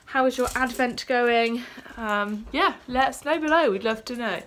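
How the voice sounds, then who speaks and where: Here a fairly high, slightly bright female voice moves at a moderate pace. She's a British vlogger in her twenties, chatting to her phone camera while congested and a bit winded from a cold, umming often. It's a phone recording with some light noise behind her.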